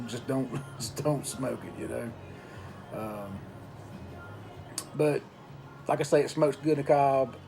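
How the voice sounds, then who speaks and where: A man giving a casual review in an unhurried, folksy way, pausing between short phrases. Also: medium pitch, vocal fry, rough recording. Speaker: pipe tobacco reviewer. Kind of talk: casual product review talk.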